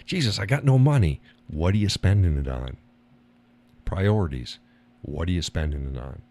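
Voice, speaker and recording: A man hosts a casual live stream, talking bluntly and rambling, swearing and laughing often, and mimicking other people in a higher voice. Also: lively intonation, normal speed, a little mellow.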